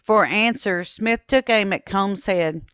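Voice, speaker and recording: A woman giving scripted documentary narration in a steady, measured reading style, quoting old newspaper sources. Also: mid-range voice, smooth, no echo, muffled recording. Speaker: history channel narrator.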